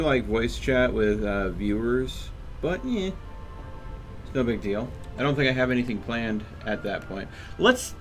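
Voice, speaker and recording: A man with a fairly high, slightly bright voice livestreams a video game, chatting casually, rambling, and thinking aloud as he plays.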